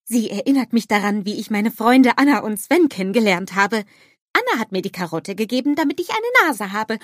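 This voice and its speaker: Bubbly childlike snowman guy, woman putting it on, squeaky high, dry recording. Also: very animated, a little fast, no room sound. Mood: proud. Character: cheerful little male snowman, eager and innocent.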